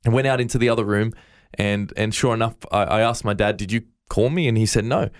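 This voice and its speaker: An Australian man, interviewed as a guest, earnestly shares his personal faith testimony, often stammering and starting over. His voice is lowish and he talks fast.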